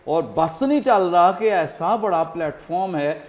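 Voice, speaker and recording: A man's voice: high-pitched, a little mellow. A man hosting a studio talk show, explaining earnestly and often using fillers. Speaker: host.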